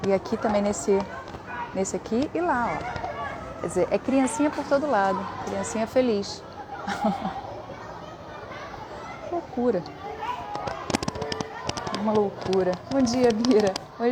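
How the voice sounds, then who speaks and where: A woman's voice: a little high, expressive, takes it slowly, pauses often, crowd noise. A woman with a Brazilian Portuguese accent hosting a casual live chat, greeting viewers by name one after another. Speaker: livestream host. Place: home above a noisy schoolyard. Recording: noisy background of children shouting. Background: children shouting and playing.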